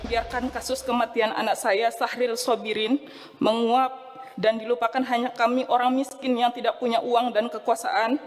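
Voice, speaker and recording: A woman makes a formal, pleading appeal with firm emphasis. Her voice is fairly high and stays on an even line, ringing in a large reverberant room. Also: normal speed, soft background music. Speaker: victim's parent making an appeal. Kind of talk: formal prepared speech. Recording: reverberant hall sound.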